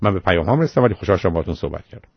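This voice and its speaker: A man hosting a radio call-in show, calmly reasoning through advice to a caller point by point. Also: low-pitched, husky, dry recording. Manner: calm, reasoning, lists points in order. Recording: dull lo-fi radio sound.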